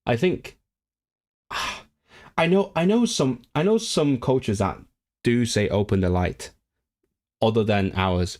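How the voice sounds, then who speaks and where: A man's voice: medium pitch, takes it slowly, pauses often, darkish tone. A man whose first language is not English, musing casually on a livestream and answering viewer comments. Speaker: language-learning streamer.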